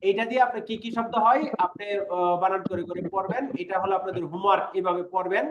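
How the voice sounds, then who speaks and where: A man teaching an online language class, patiently repeating words slowly for his students. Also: high voice. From Bangladesh. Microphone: online class call audio. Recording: echoey, muffled, noisy online class audio.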